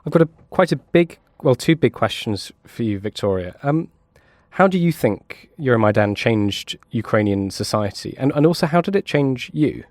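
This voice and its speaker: A man's voice: mid-range voice, expressive, normal speed, darkish tone, no echo. A man interviewing a guest on a podcast, asking short, direct questions.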